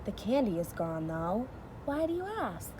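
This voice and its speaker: A woman's voice: mid-range voice, sing-song, measured pace, noisy background. A woman voicing a kindly, lonely, slightly uneasy man in a children's story read aloud.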